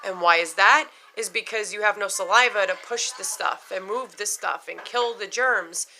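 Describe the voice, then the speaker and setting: A middle-aged vlogger talks about her dentures directly to the camera, unscripted and loose, her bright, clear voice mid-range and moderately paced. There's slight background noise as she chats frankly, dropping casual swears and plenty of "you know" and "like."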